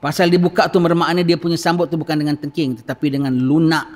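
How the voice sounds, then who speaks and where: Seorang lelaki berloghat Malaysia menyampaikan kuliah agama di masjid, bercerita dengan bersemangat dan menghidupkan dialog. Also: male voice, on the high side, fast. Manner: animated, acts out dialogues, frequent "ha?". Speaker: religious lecturer. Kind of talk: mosque sermon lecture. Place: mosque. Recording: long reverb of a mosque hall.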